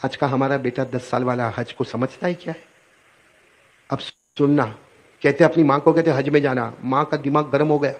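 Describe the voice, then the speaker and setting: A male preacher telling a religious story in an animated sermon, often calling on listeners to answer him. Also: medium pitch. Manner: animated, calls on the audience to repeat.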